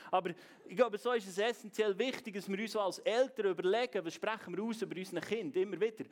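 A man, preaching a sermon and speaking straight to the congregation in an earnest way. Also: high-pitched. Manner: earnest, addresses the congregation directly, varies loudness.

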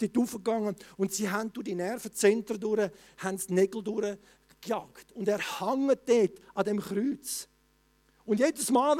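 A man preaching a sermon in a colloquial way, often restarting his sentences and rising to loud exclamations. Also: extremely high pitch.

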